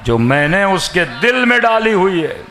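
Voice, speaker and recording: A man preaching a mourning-gathering sermon, telling stories dramatically with rising pitch and shouted emphasis. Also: very animated, creaky, background noise. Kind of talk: Muharram majlis sermon.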